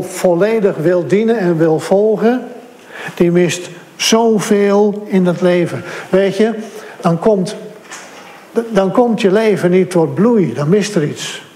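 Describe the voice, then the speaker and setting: A male preacher, his voice pitched high for a man. He speaks earnestly and turns to his listeners directly, stressing points by repeating them. The sound rings with the long reverb of a church hall. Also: takes it slowly, warm tone. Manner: earnest, repetitive emphasis, addresses listeners directly. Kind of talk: sermon. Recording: echoey hall.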